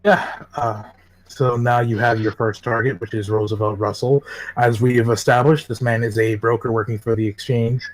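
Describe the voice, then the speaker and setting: A man's voice: medium pitch, moderate pace. Easygoing male game master. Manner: relaxed, casual, a bit rambling. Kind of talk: narrating a tabletop game.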